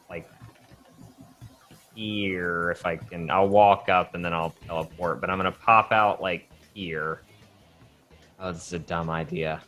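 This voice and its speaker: Slow low-voiced man thinking aloud. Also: bright, forceful tone. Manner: thinks aloud, hesitant and flustered. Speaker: player. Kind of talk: casual tabletop play.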